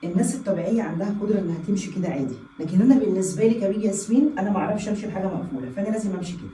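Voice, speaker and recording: A woman's voice: medium pitch, rapid-fire, warm tone, slight background noise, low-quality recording. A woman with an Egyptian accent talking casually to camera in a boastful, defiant way.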